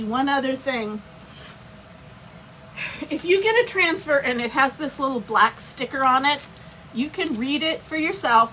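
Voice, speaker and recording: A woman's voice: sits high, bright, forceful tone, slight background noise, rough recording. A woman giving a chatty, step-by-step live craft demonstration and greeting viewers by name as she works. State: has the hiccups. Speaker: craft instructor.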